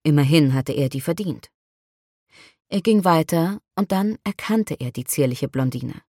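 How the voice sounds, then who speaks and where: A woman reading a romance novel aloud as an audiobook narrator, calm and even. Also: deep voice, measured pace, no echo, clean studio sound. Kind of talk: scripted narration.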